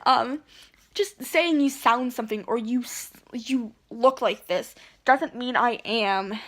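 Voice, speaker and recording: Speaking into her phone at home, a woman vlogger delivers an indignant rant to camera, rambling and restarting mid-argument. Her voice is on the high side, and she takes it slowly.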